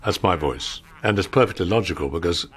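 A man actor giving film commentary, explaining his part in a scene deliberately. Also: sits low, expressive, a bit bright.

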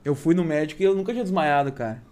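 Casual southern Brazilian man, fairly high voice. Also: rapid-fire, darkish tone. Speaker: podcast host. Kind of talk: casual chat.

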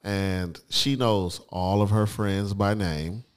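A man's voice: lowish voice, steady tone, takes it slowly, clear, resonant tone. A man co-hosting a podcast in casual, teasing banter, telling playful stories. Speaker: co-host.

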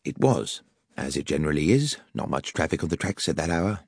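A man's voice: rumbling low, big pitch swings, fairly quick, husky, dry recording, studio quality, heavily acted. A man voicing a respectful, matter-of-fact railway station worker with plain, clipped phrasing. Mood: respectful, certain.

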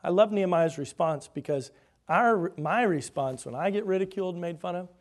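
A man preaching a sermon, animated, slipping into mocking voices when he quotes the scoffers. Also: sits high, brisk.

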